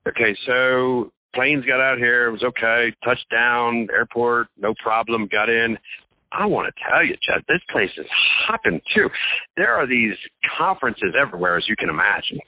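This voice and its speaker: A man's voice: medium pitch, normal speed, no room sound. Rambling man on a tinny phone line. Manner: rambling, joking, stammering. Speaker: regular co-host calling in. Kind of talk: casual podcast chat. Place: Las Vegas hotel.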